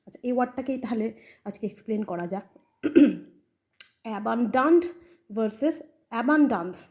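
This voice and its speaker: A woman's voice: a little high, animated, moderate pace, darkish tone. A woman with a Bengali accent teaching English grammar in a patient explanatory lesson, often checking in with the listener. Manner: patient, checks in with "okay?" and "accha".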